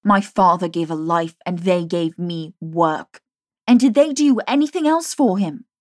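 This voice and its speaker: A cold, smug young woman bent on revenge, voiced by a woman narrator, her words sharp and scornful. She spits resentment in a dry, close audiobook voice. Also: on the low side, steady tone, unhurried, no room sound. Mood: furious. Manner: scornful, cutting.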